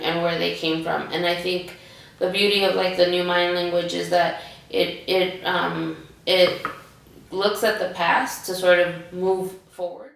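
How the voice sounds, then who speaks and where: A woman who works as a nonprofit education manager speaks in a low, gravelly voice with very little melody, stopping often on "um". She is recorded in a roomy, echoing space with the mic set well back. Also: fairly bright tone. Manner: halting, with many ums. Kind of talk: interview answers. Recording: echoey room, mic at a distance.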